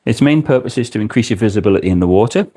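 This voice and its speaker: A man's voice: fairly low pitch, expressive, very fast, warm tone. A man giving an informal product explanation as a presenter, speaking indoors in a shop.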